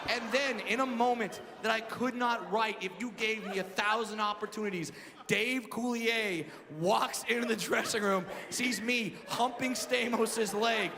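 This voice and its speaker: A man telling an animated comedic anecdote, played as a clip. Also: sits high, measured pace, a crowd in the background. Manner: animated storyteller. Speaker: guest telling a story. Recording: clip with long reverb and noise.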